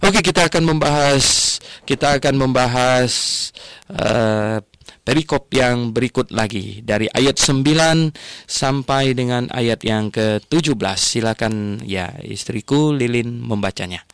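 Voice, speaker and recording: Animated male radio preacher, dry sound. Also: medium pitch, measured pace, smooth, no room sound. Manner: animated storytelling, frequent "ya" tags. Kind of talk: radio sermon.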